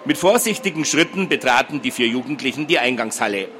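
A man narrating a fantasy adventure story as an audiobook reading, in a steady storytelling voice. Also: medium pitch, fast talker, slight background noise.

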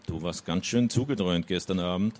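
A man reading the lines of a soft-hearted young woman who pleads and coaxes. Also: low voice, normal speed, lightly acted. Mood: teasing.

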